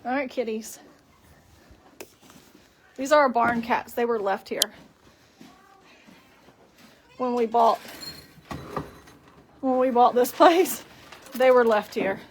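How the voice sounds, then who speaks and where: A woman's voice: fairly high pitch, slow, pauses often, slight background noise. A woman chatting casually on a farm livestream and talking to her animals in a sing-song voice. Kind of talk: casual livestream chat while doing chores. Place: outdoors on a farm and in a barn.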